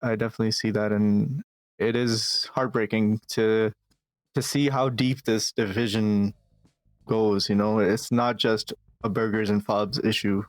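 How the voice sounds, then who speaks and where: In this dry, rough recording, a Pakistan-born man in his twenties from Calgary, Canada, talks earnestly as a casual interview guest. His lowish voice holds fairly even intonation at a slightly slow pace, and he frequently repeats words to drive points home.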